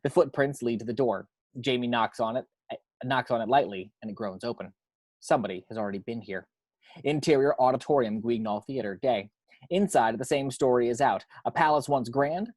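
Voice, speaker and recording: At a table read, a man narrates a screenplay's action lines in a measured, descriptive manner, stumbling now and then. His mid-range voice is a little mellow, and the recording has no echo.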